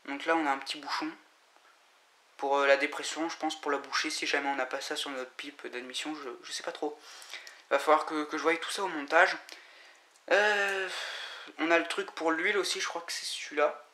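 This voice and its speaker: A man giving a casual, halting unboxing commentary, full of fillers and restarts. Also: fairly high pitch, fairly even intonation. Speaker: vlogger unboxing scooter parts. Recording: echoey room with loud noise and crinkling.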